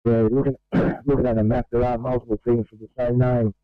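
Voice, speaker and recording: A man's voice: medium pitch, little pitch movement, a little fast, no echo, narrow, tinny audio. A man with an Australian accent working as an emergency radio dispatcher, heard over a two-way radio and speaking in clipped, procedural codes. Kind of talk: radio call.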